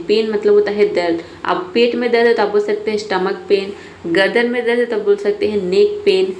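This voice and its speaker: A woman teaching English vocabulary, repeating each word slowly and often checking in with "theek hai". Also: mid-range voice, darkish tone. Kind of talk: vocabulary lesson, word lists with repetition. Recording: echoey room, faint background noise.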